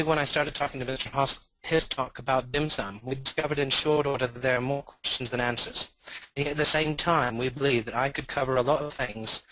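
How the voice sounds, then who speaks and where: A man's voice: mid-range voice, no room sound, dull audio. Man with a distorted, disguised voice. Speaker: forum presenter. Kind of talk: prepared presentation. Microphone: conference call.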